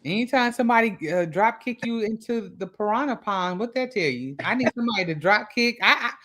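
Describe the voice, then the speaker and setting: A woman hosting a casual book chat over a video call, talking in an animated, emphatic way and laughing often. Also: fairly high pitch, a little fast. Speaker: podcast host.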